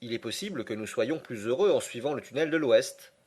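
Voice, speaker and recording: A man's voice: medium pitch, animated, brisk, darkish tone, husky. A stubborn, driven older professor who insists on pushing forward, as a man reading the book aloud voices him. He speaks in a raised, commanding tone and presses his point without letting up. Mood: persuasive.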